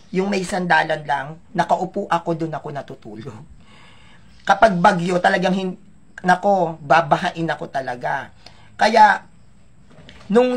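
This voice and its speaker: A man's voice: high-pitched, fairly bright tone, a little hiss or hum. A man from the Philippines chatting emotionally to his viewers as he tells his life story. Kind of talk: casual personal storytelling.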